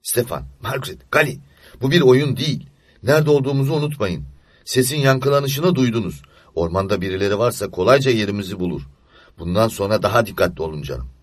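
A man reading an audiobook story, voicing an earnest older boy who leads and protects the others in a calm, serious tone. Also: fairly low pitch, fairly quick, pitched above the performer's own voice. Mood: stern.

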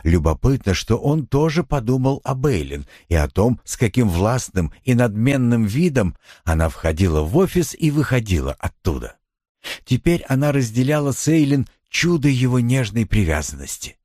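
This audiobook has a man with a medium-pitched voice reading a novel, telling the story in a measured, expressive way. It's a dry, studio-quality recording.

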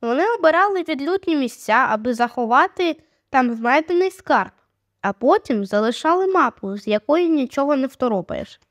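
Woman reader voicing a teasing, eager young girl; high voice, dry close sound. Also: expressive, moderate pace, no echo. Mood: musing. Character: lively excited young girl, curious sister.

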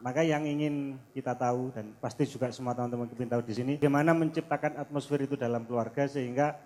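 A man putting a question to the guest, in a hesitant, halting way. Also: medium pitch, darkish tone. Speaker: audience questioner. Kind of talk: asking a question. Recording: long hall reverb.

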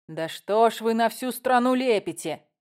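A woman reading an audiobook, voicing a distraught middle-aged mother who shouts and sobs. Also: lively intonation, moderate pace, natural voice. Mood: sobbing, shouting. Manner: shrill, tearful shouting.

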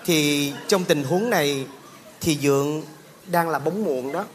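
A man acting in a comedy sketch, speaking in a calm, mock-formal way. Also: fairly high pitch, slow pace, a loud crowd, very noisy. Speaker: comedian playing a son.

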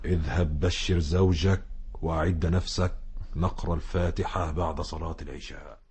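A deep, pious village sheikh. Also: male voice, fairly even intonation, noisy background. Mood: counseling. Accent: Egyptian. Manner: measured, quoting scripture. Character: pious older village sheikh, calm and counseling. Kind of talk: 1960s Egyptian radio drama acting.

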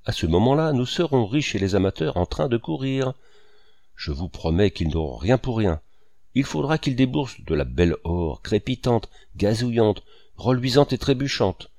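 A man's voice: medium pitch, lively intonation, normal speed, a little mellow, no room sound, clean studio sound, natural voice. A man voicing a boastful, exuberant male painter who talks grandly and at length. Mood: jovial. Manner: grandiose, voluble.

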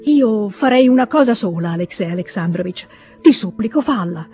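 A woman's voice: medium pitch, lively intonation, moderate pace, mellow, soft background music, close to an everyday voice. A woman reading aloud, voicing an emotional, imploring middle-aged nobleman who keeps begging his brother-in-law. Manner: emotional, imploring, rising to cries.

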